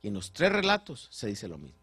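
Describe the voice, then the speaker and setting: A man preaching a sermon as pastor, swinging between loud and soft and putting rhetorical questions to the congregation. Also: on the low side, wildly swooping pitch, fairly quick, breathy edge.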